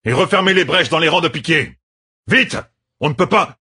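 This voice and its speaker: A man's voice: a bass voice, moderate pace, breathy edge, dry recording, clean studio sound, exaggerated voice. A man voicing a stern veteran male general who gives clipped commands, in an audiobook. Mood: barking orders. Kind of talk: audiobook character voice.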